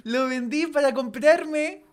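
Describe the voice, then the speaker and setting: A man's voice: extremely high pitch, slow pace. Chilean man swearing and laughing in chat. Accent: Chilean Spanish. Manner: swears often, laughs through his lines. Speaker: podcast co-host. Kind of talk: casual chat about board games.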